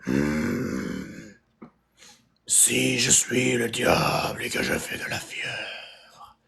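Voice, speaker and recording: A man voicing a brooding old male vampire, speaking slowly in a hushed, partly whispered, menacing voice with a Québécois accent. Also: medium pitch, sing-song, vocal fry, slight background noise, voice pushed down, exaggerated voice. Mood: ominous.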